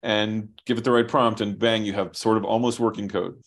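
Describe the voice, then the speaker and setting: Man explaining software over a video call. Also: on the low side, steady tone. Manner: brisk, thinks aloud with restarts. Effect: heard over a video call. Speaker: software company founder as guest. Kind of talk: explaining software while sharing screen.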